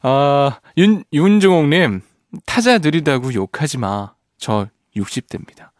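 A man's voice: a little high, very animated, a little slow, no echo, clean studio sound. A man hosting a radio show, reading out listener messages playfully and laughing often. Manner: playful, laughs often, strains voice singing a line. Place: radio studio.

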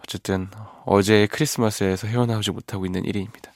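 Speaking fast in a fairly low voice with no echo, this man is a ballad singer hosting live studio radio. He keeps things relaxed and chatty between listener messages, poking fun at himself over faint guitar music.

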